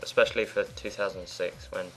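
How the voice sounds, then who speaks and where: A man co-commentating on a game in casual chat, giving brief, low-key replies. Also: fairly even intonation, brisk, faint music behind. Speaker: gaming co-commentator.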